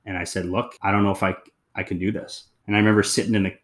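A man's voice: low voice, flat delivery, racing, fairly bright tone. A man in his thirties, an interview guest telling his personal story in a candid, reflective, loose conversational way.

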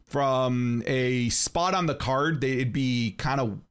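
A man's voice: medium pitch, slow pace, clean tone. A man hosting a wrestling podcast in casual chat, emphatic and joking, often repeating words. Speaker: podcast host.

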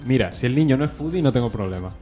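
A man's voice: medium pitch, expressive, rapid-fire, dark tone, soft background music. A man, co-hosting a podcast and telling a story in casual chat, acting out the quotes. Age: 20s. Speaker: podcast co-host.

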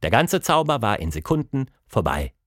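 Lively male storyteller, dry close sound. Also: lowish voice, moderate pace, no room sound. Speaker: narrator. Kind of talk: scripted children's story narration.

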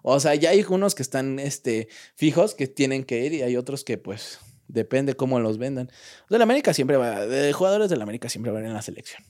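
A man's voice: medium pitch, animated, a little fast, darkish tone. A young man with a Mexican accent, chatting casually on a podcast, slangy and full of restarts and fillers. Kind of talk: casual chat.

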